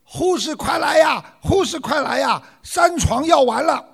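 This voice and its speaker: Frantic shouting patient, put on by a male storyteller, high-pitched. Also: lively intonation, measured pace, vocal fry, full character voice. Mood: alarmed. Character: panicky male hospital patient yelling for nurse.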